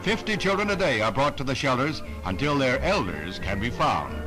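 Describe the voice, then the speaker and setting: A man narrating a 1960s newsreel as a brisk announcer, dropping light quips between facts. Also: medium pitch, sing-song, low-quality recording. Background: music underneath.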